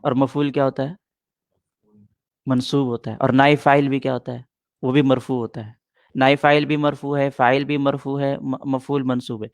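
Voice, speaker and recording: Patiently repeating his points and answering students' questions, a man gives a classroom grammar lesson. His medium-pitched voice has a flat delivery. The sound is dry with no echo.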